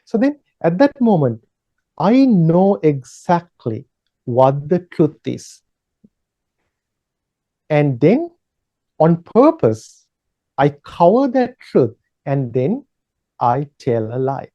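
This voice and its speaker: Male monk giving a gentle, measured talk; slightly high, unhurried, muffled recording. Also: sing-song. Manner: gentle, repetitive, pausing with fillers. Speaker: Buddhist monk teaching. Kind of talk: slow, measured dharma talk.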